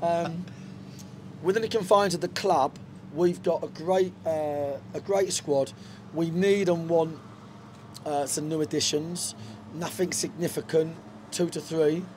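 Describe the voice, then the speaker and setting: In a stadium dugout after the match, a middle-aged man who manages a football team talks frankly, unhurried, with plenty of fillers and restarts. His pitch is fairly high and his intonation fairly even. The handheld reporter mic picks up slight background noise.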